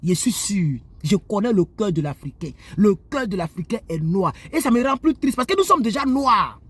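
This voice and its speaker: A YouTuber from Côte d'Ivoire, seated indoors, delivers a preachy, moralizing monologue straight to his viewers in an animated manner. His voice is high and slightly rough, at normal speed.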